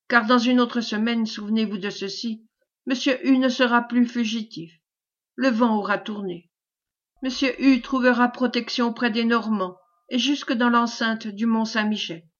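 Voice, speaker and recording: A woman reading the lines of a servile, scheming man who flatters in a caressing, obsequious tone, in a storybook reading. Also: fairly high pitch, muffled recording, lightly acted. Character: fawning, sly male schemer, servile and unctuous.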